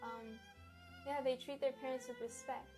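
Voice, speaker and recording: High-voiced young girl chatting over music. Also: little pitch movement, normal speed, dark tone. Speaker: interviewee. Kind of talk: casual interview answers.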